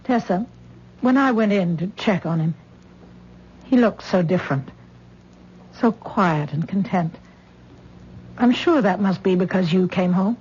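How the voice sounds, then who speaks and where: Heard through a dull old radio broadcast recording, a woman with a mid-range, slightly mellow voice speaks in an animated but unhurried way, leaving long pauses and sounding close to everyday speech. She is an actress in a 1970s radio drama, playing a middle-aged mother who anxiously frets over and coaxes her grown daughter. Slight background noise is present.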